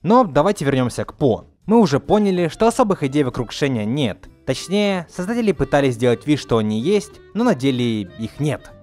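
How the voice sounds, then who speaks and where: A young man narrates an opinionated film critique video essay, arguing emphatically at a middle pitch with lively, swooping intonation. He talks fairly quickly with few pauses, and faint music plays behind his voice.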